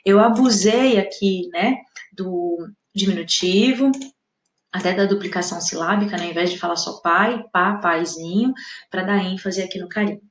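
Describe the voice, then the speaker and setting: A woman's voice: medium pitch, normal speed, echoey room, a little hiss or hum. A woman teaching an exam-prep lesson with a Brazilian Portuguese accent, explaining patiently and often checking in with the viewer.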